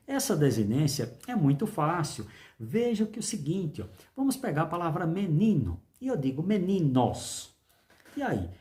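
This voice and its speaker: A man leads an online grammar lesson. His pitch jumps high and low as he coaxes learners along. He keeps checking in with quick rhetorical questions. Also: mellow. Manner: upbeat, coaxing, quizzes with rhetorical questions. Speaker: Portuguese teacher.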